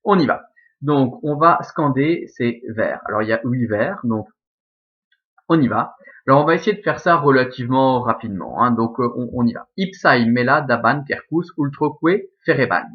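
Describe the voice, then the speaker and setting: A male Latin teacher talks through verse scansion in a recorded lesson. His voice sits at an average pitch and he keeps checking that his class follows. The sound is dull and lo-fi. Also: expressive, normal speed. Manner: explanatory, checks understanding with frequent "ok?" and "d'accord?".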